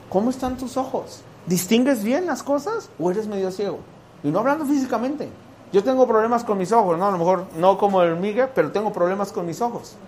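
A man's voice: high voice, slight background noise. A man with a Mexican accent gives a casual church sermon, often asking his listeners questions. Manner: conversational, asks the listeners questions. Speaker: church speaker.

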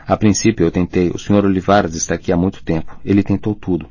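A man reading a soft, dreamy teenage girl. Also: low voice, fast, dry recording, muffled recording. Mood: calm. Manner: soft, calm, quiet.

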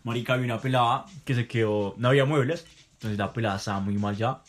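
A man's voice: medium pitch, fast talker, noisy background. A young man, chatting and teasing a friend in heavy slang. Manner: slangy, teasing, laughs often. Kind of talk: casual chat between friends.

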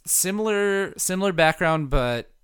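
Easygoing Milwaukee man, smooth dry voice. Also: high voice, lively intonation, a little slow, fairly bright tone, no echo. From Milwaukee, Wisconsin. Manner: easygoing, many fillers and restarts. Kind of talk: casual chat.

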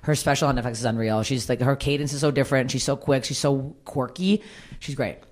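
Fast-talking, profane woman comic. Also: rumbling low. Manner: blunt, profane, animated storytelling. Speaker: stand-up comedian, guest. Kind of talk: candid podcast chat.

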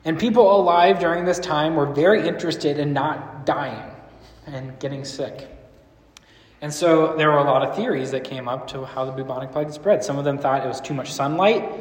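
A man's voice: on the high side, moderate pace. Guy giving a loose chatty church talk, lots of questions to the crowd, big echoey hall with long reverb. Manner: conversational, rambling, asks the room questions. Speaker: church speaker teaching a series. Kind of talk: casual teaching talk to a group. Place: large room with a live audience.

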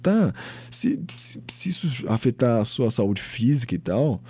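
Rambling Brazilian man with a husky, animated voice. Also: mid-range voice, unhurried. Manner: animated, rambling, swears freely, acts out quoted voices. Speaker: podcast host. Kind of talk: casual opinion monologue.

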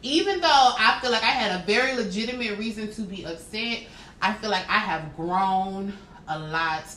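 A woman's voice: medium pitch, moderate pace. A woman telling a story in casual chat as a podcast co-host. She retells it with exasperation and acts out what people said. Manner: animated, exasperated retelling with quoted voices. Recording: echoey room with faint noise.

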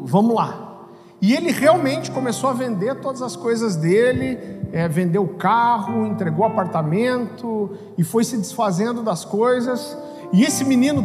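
A Brazilian man, a pastor, telling a story in a sermon with lively humor and acted-out voices. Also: extremely high pitch. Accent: Brazilian Portuguese. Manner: animated, acts out voices, jokes. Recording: hall reverb with music behind.

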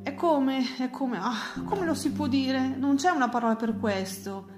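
A woman's voice: sits high, measured pace, roomy sound, over music, pitched above the performer's own voice. Woman as a hesitant will-o'-the-wisp spirit, unhappy, stumbling, storybook. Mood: worried. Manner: hesitant, stumbling over words.

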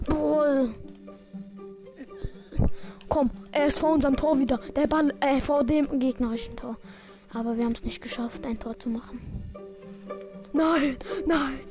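A high-pitched woman talks through a video game match as it happens. Her play-by-play is excitable and self-mocking. Game music plays clearly underneath her voice. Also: a little slow, pauses often. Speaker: gaming video creator. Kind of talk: live gameplay commentary.

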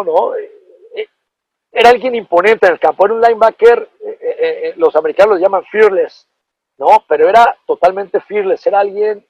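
High-voiced Mexican man telling stories. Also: no room sound, muffled recording. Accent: Mexican Spanish. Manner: animated, profane, slangy storytelling. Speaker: former pro football player, guest. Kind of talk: casual anecdote telling.

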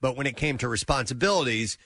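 A man's voice: medium pitch, animated, very fast, sharp tone, no room sound, clean studio sound. A man co-hosting a radio talk show, reading out news items in a casual chat and laughing often.

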